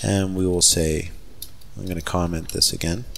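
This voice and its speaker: A man with a somewhat low voice leads a recorded software tutorial. He talks in a relaxed, conversational way, pausing with fillers as he types and explains each step at his computer. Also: vocal fry, a little hiss or hum. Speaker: software trainer. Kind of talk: screen-recorded coding tutorial.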